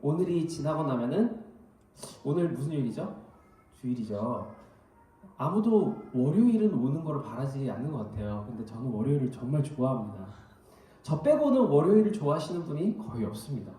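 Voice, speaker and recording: A man preaching a sermon as pastor, telling everyday stories in an animated way. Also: medium pitch, a little fast. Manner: animated storytelling with anecdotes. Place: church hall. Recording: very echoey hall, mic at a distance.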